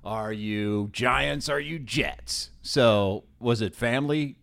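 A man hosting a podcast in his office, asking questions in a jokey, animated way. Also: medium pitch, takes it slowly, vocal fry, no room sound. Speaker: podcast host. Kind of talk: casual interview chat. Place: office near a studio.

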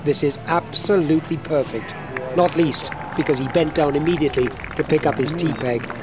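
A man's voice: fairly high pitch, moderate pace, music in the background. A man commentating live on golf as a commentator, building suspense in short running phrases.

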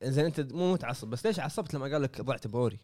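Teasing fast man. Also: medium pitch, expressive, a little mellow. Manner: teasing, quick questions. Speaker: podcast co-host. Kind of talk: casual chat.

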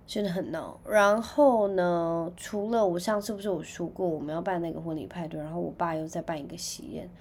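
Chatty Taiwanese woman, lowish voice. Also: steady tone, fast talker, hardly any pauses, breathy edge. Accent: Taiwanese Mandarin. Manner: chatty storytelling, sudden loud outbursts. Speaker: podcast host. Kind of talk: casual chat.

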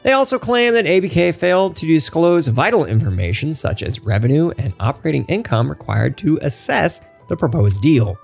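A man's voice: a little high, big pitch swings, normal speed, creaky, hardly any pauses, a little mellow, faint music behind. A man hosting a casual podcast, rambling through news and laughing at his own jokes. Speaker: podcast host.

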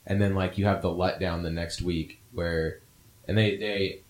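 A man's voice: low voice, fairly even intonation, moderate pace. A man hosting a casual football picks chat, rambling and opinionated with many fillers. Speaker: podcast host.

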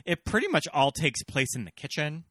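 A man's voice: on the high side, sing-song, moderate pace, a bit bright, dry recording, clean studio sound. A man discussing film casually as a podcast panelist.

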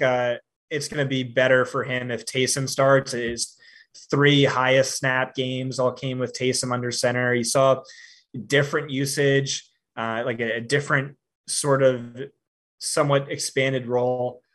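In a casual podcast chat, a man offers fantasy football analysis with a mid-range, steady, slightly bright voice at a measured pace. He uses lots of fillers and restarts his sentences, yet his opinions come across as firm and confident.

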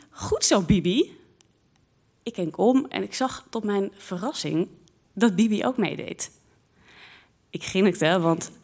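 A woman recounts a childhood memory in the first person, taking her time and bringing the scenes to life. Her voice sits slightly low. She tells it as a personal story to listeners. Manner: slow, lively, expressive storytelling.

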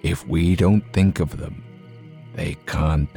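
A man voicing an eerily calm, secretive male traveling companion who speaks low, hushed and measured. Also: soft background music.

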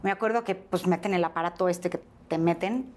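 A middle-aged woman with a Mexican accent, an interview guest telling a personal story in a lively way and often pausing on "este". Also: on the low side. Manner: animated storyteller, acts out quoted dialogue, frequent "este" fillers.

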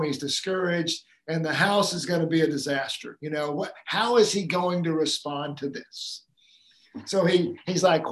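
A man's voice: fairly high pitch, echoey room. A man on a live community call, casually retelling a movie scene with many fillers and restarts. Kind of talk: casual storytelling talk.

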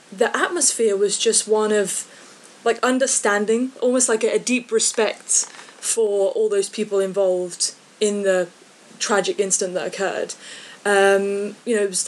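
English woman guest, mid pitch, chatty, hesitant with lots of fillers. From English Midlands. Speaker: podcast guest, film journalist. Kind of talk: casual chat.

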